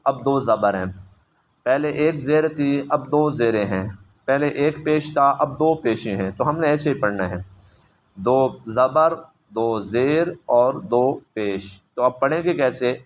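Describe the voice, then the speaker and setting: Man teaching letters with slow drawn-out recitation. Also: mid-range voice, lively intonation, a little hiss or hum. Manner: explains quickly, then draws out letters slowly and loudly. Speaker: Quran reading teacher. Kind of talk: step-by-step recitation lesson.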